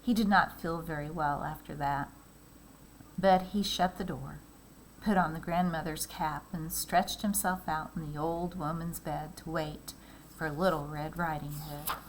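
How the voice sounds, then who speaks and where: A woman teacher reads a fairy tale aloud to her class in a slow, even, measured way. Her voice sits fairly low, and her words come out calm and clear. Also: slight background noise, poor audio. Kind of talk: read-aloud storytelling.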